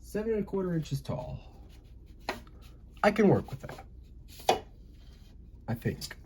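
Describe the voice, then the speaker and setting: His voice is high and swings widely in pitch, and he takes his time, with background noise audible. He's a young animation channel host with a Southern American accent, rambling and joking to himself while drawing indoors at home in casual commentary.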